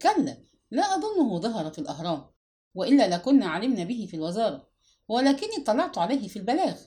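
A male office colleague, voiced by a woman who answers with surprise yet keeps a matter-of-fact tone. Her reading has a lively, rising melody. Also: a little high, quick pace. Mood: surprised.

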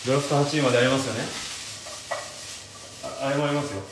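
Young male stream host, chatty, reads comments aloud; echoey kitchen, pan frying loudly. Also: mid-range voice, fairly even intonation, quick pace, heavy background noise. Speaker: live-stream radio host. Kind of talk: casual chat while cooking. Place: home kitchen, indoors. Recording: roomy kitchen with loud frying sizzle.

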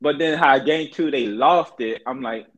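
A man's voice: mid-range voice, a little slow, fairly bright tone. A man chatting casually about sports like a fan commentator, in slangy, profane, emphatic buddy talk.

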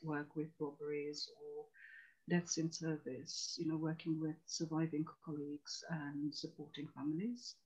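On a lo-fi video call, a Tanzanian-born psychotherapist in her forties recounts her life in a conversation, speaking with earnest reflection. She has a low, steady, somewhat dark voice and keeps a measured pace.

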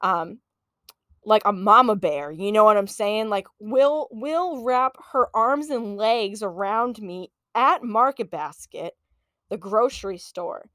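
A woman in her late twenties hosting a podcast, telling a personal story in a casual, animated, profane way and laughing often. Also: medium pitch, slow pace, no echo, clean studio sound. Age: late 20s. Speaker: podcast host.

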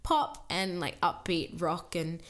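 Young woman, podcast co-host, casual rambling chat, slightly low voice. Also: little pitch movement, takes it slowly, fairly bright tone. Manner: rambling, many "like" fillers.

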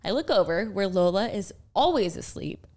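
A woman's voice: mid-range voice, lively intonation, moderate pace, darkish tone. A young woman co-hosting a podcast, telling a story in casual chat with lots of fillers. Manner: chatty storytelling with many fillers. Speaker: podcast co-host.

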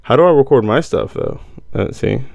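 A man's voice: medium pitch, lively intonation, moderate pace, creaky, darkish tone. A man co-hosting a podcast over a remote video call from a tablet, talking in slangy, playful, jokey banter. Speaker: podcast co-host. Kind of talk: casual chat. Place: home, remote call on iPad.

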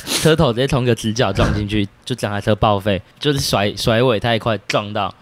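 Fast-talking brash man. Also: on the low side. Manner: brash, swears a lot, animated storyteller. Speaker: podcast guest. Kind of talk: casual storytelling.

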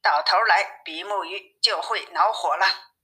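A woman narrating a classic fairy tale for children in an expressive, steady storybook manner. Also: lowish voice, unhurried, rough recording.

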